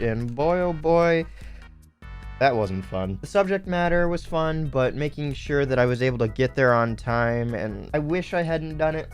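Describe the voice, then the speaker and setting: Young adult man, sniffly nose, medium pitch, casual vlog commentary, rambling, music behind. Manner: rambling, thinking aloud. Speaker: video host building Lego.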